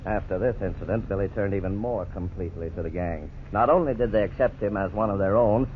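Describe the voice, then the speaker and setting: This is scripted 1950s-style radio narration from a man whose voice is deep and low, his tone grave and his pace measured. It comes through thin and phone-like, a tinny old broadcast with faint hiss.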